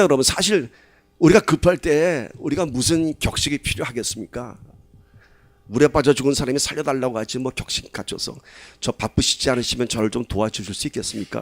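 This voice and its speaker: A pastor giving a sermon in a conversational way, asking the congregation questions and rising to loud, emphatic stretches. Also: male voice, fairly high pitch, no room sound.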